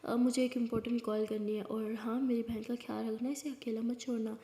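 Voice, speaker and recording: A woman voicing a caring older sister who calms and reasons with her family. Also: fairly high pitch, a little fast, close to an everyday voice. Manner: reasoning, calming. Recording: roomy with long reverb.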